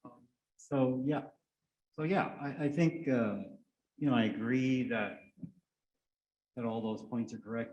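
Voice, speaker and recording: A man's voice: on the low side, a little mellow, lo-fi sound. A man on a discussion panel talking conversationally and checking in with listeners, recorded in a reverberant, slightly noisy room. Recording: echoey room with light background noise.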